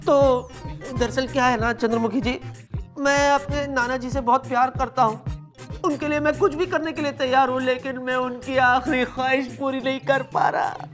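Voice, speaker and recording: A man's voice: very high voice, little pitch movement, moderate pace, over music. A man playing a police boss in a TV sitcom, talking in an overblown, wailing, melodramatic way. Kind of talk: TV sitcom acting.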